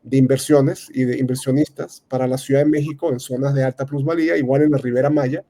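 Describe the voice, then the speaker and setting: A Venezuelan man in his thirties with a warm, relaxed tone and a middling pitch. He answers questions in a casual, halting way, stacking fillers and false starts as he works out what he means. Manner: hesitant, many fillers and restarts. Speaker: real estate advisor, guest. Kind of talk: casual interview talk.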